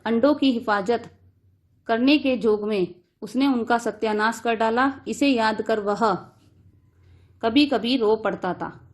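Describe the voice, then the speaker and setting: A woman's voice: a little high, slow pace. A woman teacher reading a story aloud and restating each line in simple words for students.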